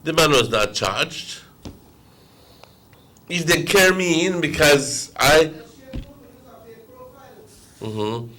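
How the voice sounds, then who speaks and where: A man's voice: fairly high pitch, lively intonation, drawn-out words, long pauses, bright, forceful tone. A man with a Belizean Creole accent hosting an impassioned political talk show, indignant and emphatic, repeating phrases for stress. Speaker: morning show host.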